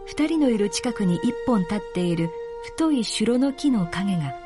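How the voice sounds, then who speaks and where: A woman reading narration and closing notes in a clear, composed way. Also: mid-range voice, expressive, moderate pace, music in the background. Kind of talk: literary reading.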